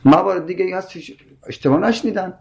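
A man with a high, creaky voice takes part in a scholarly debate, explaining linguistics and Quran readings. He is insistent and backs his points with repeated examples.

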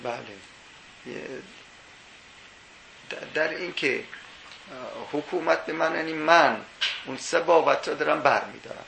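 A man's voice: fairly high pitch, creaky, long pauses, pushed and bright, echoey room, a little hiss or hum, poor audio. A man teaching Islamic jurisprudence in a seminary lecture. He explains step by step, quoting Arabic texts and posing rhetorical questions.

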